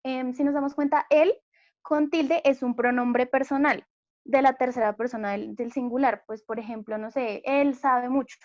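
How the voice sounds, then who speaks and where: A woman's voice: high-pitched, fairly even intonation, normal speed, a little mellow, no echo. A young Colombian woman giving a class presentation, explaining step by step with frequent fillers. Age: young adult. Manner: explanatory, many fillers like eh and pues. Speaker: student presenter. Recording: dull lo-fi recording.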